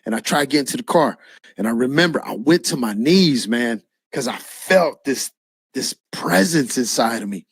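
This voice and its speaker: A man preaching his own testimony as a lively storyteller, acting out the dialogue and dropping a casual "man" now and then. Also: mid-range voice, normal speed, slightly rough, no echo. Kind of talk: spoken personal testimony.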